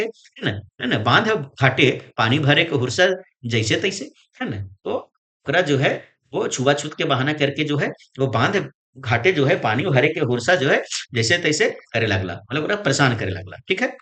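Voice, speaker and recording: A man's voice: on the high side, sharp tone. A male teacher with a Jharkhand Khortha-inflected Hindi accent, giving an exam-prep lecture. He repeats each phrase and keeps asking "है ना?" to check that students follow.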